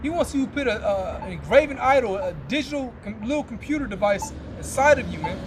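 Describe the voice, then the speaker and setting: High-voiced man preaching over street noise. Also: animated. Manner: reads scripture slowly, then preaches in slang with constant "man". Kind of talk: casual outdoor scripture reading and preaching. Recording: loud street and car noise.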